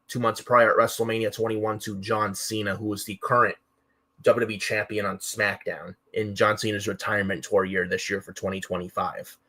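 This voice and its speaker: A man's voice: lowish voice, pushed and bright, low-quality recording. A young man co-hosting a podcast, recapping wrestling in a rambling casual chat full of fillers and restarts. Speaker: podcast co-host.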